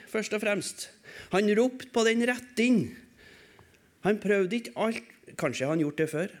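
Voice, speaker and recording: Emphatic male preacher, higher voice. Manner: emphatic, asks rhetorical questions and answers them; swings between raised calls and quiet, low passages. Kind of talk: sermon. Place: church service.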